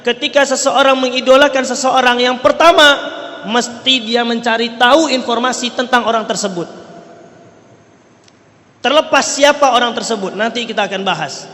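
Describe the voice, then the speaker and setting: A very high-pitched, pushed and bright male voice preaches at normal speed to a congregation. The Islamic preacher's Indonesian leans toward a Riau Malay accent, and he keeps asking rhetorical questions and checking in with listeners, all under a large hall's long reverb.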